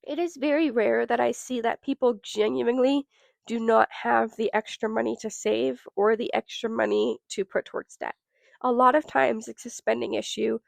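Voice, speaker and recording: A young adult woman hosting a solo podcast, sounding nasal from a cold, giving listeners an upbeat, direct pitch. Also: gravelly, dry recording. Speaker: podcast host.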